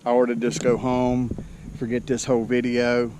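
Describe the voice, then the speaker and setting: A man's voice: medium pitch, monotone, normal speed, background noise. A man vlogging outdoors at a lake boat landing, out of breath, exasperated and self-deprecating, often calling on the Lord. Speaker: kayak fishing vlogger. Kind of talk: casual outdoor vlog.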